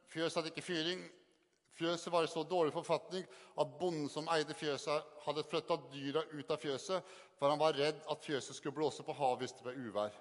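An older man giving an earnest, halting personal testimony to an audience, often repeating words for emphasis. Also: a little high. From Northern Norway. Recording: long hall reverb.

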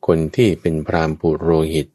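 A man's voice: a little fast, a little mellow, no echo. A man preaching a Buddhist scripture story, addressing his listeners directly with chatty asides. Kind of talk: storytelling Dhamma talk.

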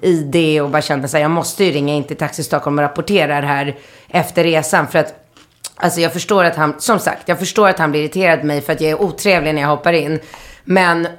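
A woman in her thirties, a podcast host telling a story in lively casual chat and acting out the people in it. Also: deep voice. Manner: animated storyteller, acts out quotes loudly.

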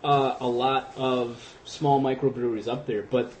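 A man with a voice in the middle range talks in a relaxed, rambling way as a podcast co-host. He fills his sentences with "uh" and "like". A faint hiss runs under the recording. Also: medium pitch, measured pace. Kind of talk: casual chat.

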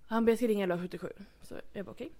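A woman's voice: mid-range voice, steady tone, warm tone. Young woman, casual chat, storytelling, many fillers. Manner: chatty storytelling, acts out quotes, many fillers.

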